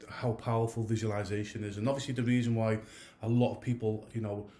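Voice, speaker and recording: Speaking fast in a fairly low, mellow voice with fairly even intonation, this man of thirty-plus coaches goalkeepers in a relaxed way. His talk wanders through restarts and tangents, and a cold has left his nose blocked.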